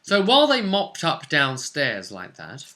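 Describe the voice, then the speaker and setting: A British man casually recounting a tabletop role-playing session in a rambling, animated way. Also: a little high, a little slow. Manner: rambling, animated storytelling with fillers. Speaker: podcast host recapping a tabletop game session. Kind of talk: casual recap chat.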